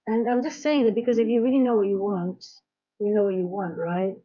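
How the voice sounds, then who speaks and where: Streaming live from her home in South Africa, a Dutch woman with a light accent chats frankly about trading, rambling through plenty of fillers and restarts. Her mid-range voice moves fairly quickly with mostly even intonation, and the sound is lo-fi.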